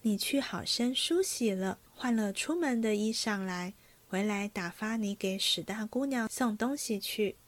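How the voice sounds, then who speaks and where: A woman voicing a calm, sensible senior maid who speaks softly and with measured care. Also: medium pitch, lightly acted. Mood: gentle.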